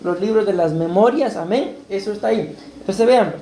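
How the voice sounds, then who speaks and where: A pastor with a high-pitched, warm voice preaches a sermon at a normal speed in a church hall. His style is conversational, and he often checks in with listeners by asking "¿verdad?"; the recording has the echo of the church room and faint background noise.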